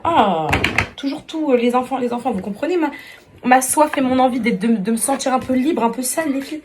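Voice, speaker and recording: This social media influencer has a high, expressive voice and talks fairly quickly over some background noise. Chatting casually to her followers in a vlog, she vents in an exasperated, repetitive way while walking through her beauty routine.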